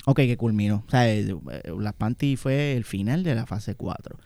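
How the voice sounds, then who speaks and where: A man's voice: fairly low pitch, normal speed, creaky, dark tone, no echo, studio quality. A man with a Puerto Rican accent co-hosting a podcast, bantering, swearing and laughing a lot. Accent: Puerto Rican Spanish. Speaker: podcast co-host. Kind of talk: casual banter.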